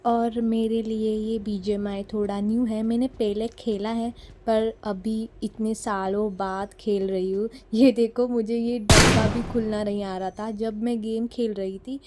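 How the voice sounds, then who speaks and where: A fairly high, somewhat mellow voice delivers flatly and a little slowly. The speaker is a Marathi-speaking mobile gaming YouTuber from Maharashtra, India, with a Mumbai Hindi accent, recorded on a phone mic as she chats self-deprecatingly over her mobile gameplay, swapping between Hindi and English.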